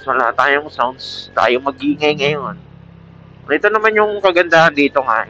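This man's voice sits on the high side, with a sharp tone at normal speed and slight background noise. A Filipino-accented motovlogger, he chats casually while riding a motorcycle outdoors at night, rambling and pitching a product. He's captured on a Bluetooth helmet intercom mic, so the sound is muffled and band-limited.

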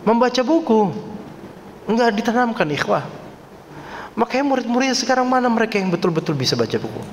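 A man preaching at a study lecture in a mosque, lively and joking with the audience, sighing in dismay at times. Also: fairly high pitch. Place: mosque hall. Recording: echoey hall, faint background noise.

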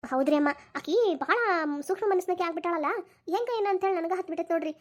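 Woman playing older mom, soothing and motherly, dharwad kannada accent, high bright voice. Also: racing. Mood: explaining. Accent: North Karnataka (Dharwad) Kannada.

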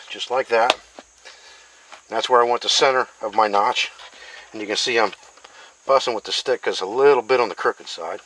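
A man's voice: mid-range voice, background noise. A middle-aged man teaching bushcraft outdoors, explaining step by step as he carves a stick. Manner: plain, step-by-step explaining while carving. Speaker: bushcraft instructor. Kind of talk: hands-on outdoor demonstration. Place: outdoors, working on a wooden board.

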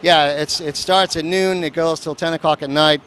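Outdoors at a seaport, a man who produces festivals chats in a casual street interview, rambling and cracking jokes with many fillers. His pitch is fairly high and his tone fairly bright, while his intonation stays fairly even at a moderate pace. Faint traffic and street sounds run underneath.

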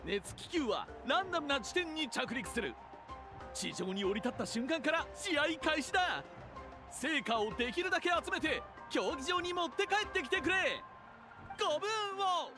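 High-pitched, excited tournament announcer. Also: male voice, moderate pace. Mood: rousing. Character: excited male tournament announcer, booming and rousing. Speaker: arena announcer. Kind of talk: game event commentary. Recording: game music behind.

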